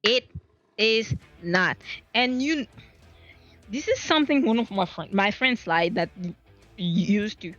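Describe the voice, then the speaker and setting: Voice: medium pitch, animated, measured pace, long pauses, no echo, muffled recording, soft background music. A streamer in casual gaming chat, rambling to themselves and swearing freely, recorded on a laptop mic. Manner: rambling, self-talking, swears a lot.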